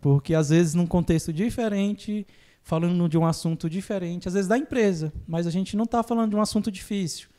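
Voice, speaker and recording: A man's voice: fairly quick, mellow. Easygoing Brazilian-style man explaining therapy. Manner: acts out clients' lines in a higher voice, laughs easily. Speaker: podcast host, phobia therapist. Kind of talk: casual explanatory chat.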